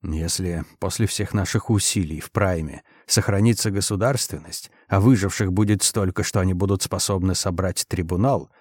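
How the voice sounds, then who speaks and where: Brief: man playing a weary admiral, gentle, quiet, resolute. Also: sits low, moderate pace, hardly any pauses, no echo, studio quality. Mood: soft, resolute. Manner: soft, quiet, tired.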